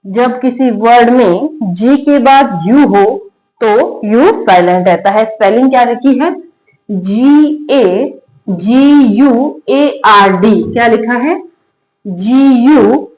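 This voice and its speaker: A woman teacher walks through a spoken English lesson. Her voice sits a little high. She asks a question, answers it herself, and repeats each word patiently. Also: animated, measured pace, darkish tone, rough recording. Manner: repetitive call-and-response drilling, asking and answering her own questions.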